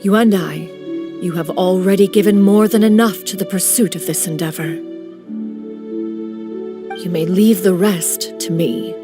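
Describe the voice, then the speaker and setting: A woman's voice: lowish voice, unhurried, long pauses, lightly acted. A woman voicing Xianyun, a dignified, composed adept in a video game who speaks formally. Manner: formal, archaic, calm. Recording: game audio with clear music.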